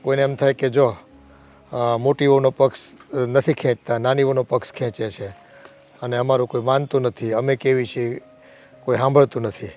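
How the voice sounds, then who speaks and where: A man plays an earnest elderly uncle who worries about quarrels tearing the family apart. He talks in a pleading, heartfelt way. Soft music plays under his voice. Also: medium pitch, little pitch movement, normal speed, close to an everyday voice. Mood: worried.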